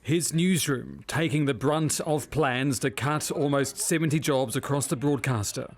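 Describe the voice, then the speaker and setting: A man's voice: medium pitch, unhurried, over music. A man with a New Zealand accent reporting the news as a broadcast reporter. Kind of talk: scripted news report and live cross.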